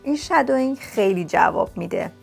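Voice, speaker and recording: A woman's voice: a little high, animated, gravelly, soft background music. A woman vlogger giving language-learning tips in a casual, chatty way, often repeating words for emphasis. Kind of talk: casual talk to camera. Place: lives in England.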